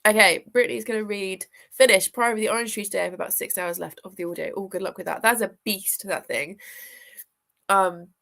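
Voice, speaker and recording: A young woman, a teacher who runs a booktube channel, hosts a live reading sprint with a congested, sniffly voice from a chest infection. Her medium-pitched, creaky voice has a fairly bright tone and fairly even intonation, and she talks briskly. She chats casually and rambles, greeting viewers and using lots of fillers.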